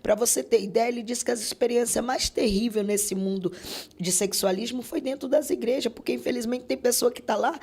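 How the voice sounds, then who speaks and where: A woman's voice: fairly high pitch, fairly quick, a little mellow, slightly rough. A middle-aged woman with a Brazilian Portuguese accent giving an earnest religious testimony and acting out the dialogue she recalls. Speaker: church member giving testimony.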